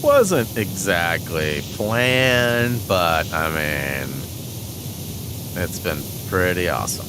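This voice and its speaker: A man's voice: low voice, sing-song, extremely slow, noisy background. A man in his forties chatting casually over gameplay as a channel host, rambling with many fillers and frequent chuckles. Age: 40s.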